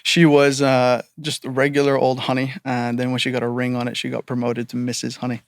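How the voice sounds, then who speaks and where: A Barbadian man in his thirties, with an accent blending Barbadian and American, tells stories as a guest in a casual interview, joking at his own expense with plenty of fillers and restarts. His mid-range voice is gravelly and brisk with a completely flat delivery, recorded in studio quality with no echo.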